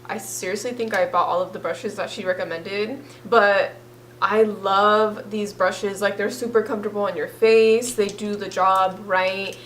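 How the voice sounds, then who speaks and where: A woman co-hosting a casual beauty vlog, gushing about her favorites and filling her talk with "like". Her voice sits at an ordinary middle pitch. A faint hum runs under the recording. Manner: gushing, filler-heavy with frequent "like". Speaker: beauty vlogger co-host. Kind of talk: casual chat.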